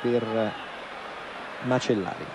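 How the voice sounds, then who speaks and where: A man doing live play-by-play football commentary, calling player names in short, halting phrases. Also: fairly low pitch, crowd noise. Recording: noisy outdoor stadium broadcast.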